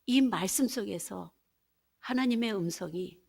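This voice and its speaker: A woman's voice: mid-range voice, unhurried, vocal fry, darkish tone, husky. A woman pastor in her fifties giving a sermon testimony, telling her story and acting out her own prayers, with English phrases dropped in.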